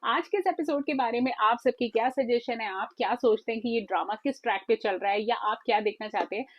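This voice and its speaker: A woman hosting a casual drama reaction video, chatty and expressive as she gives her opinions. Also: fairly high pitch, a little fast, no echo, dull audio.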